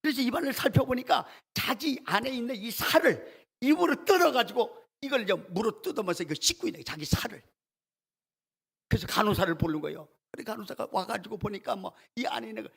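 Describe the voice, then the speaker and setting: A man's voice: sits high, expressive, quick pace, vocal fry, a bit bright, breathy edge. A male pastor preaching a Sunday sermon in a church, telling a story and acting out the prayers in it. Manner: storytelling, acts out quoted prayers with rising intensity. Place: church sanctuary.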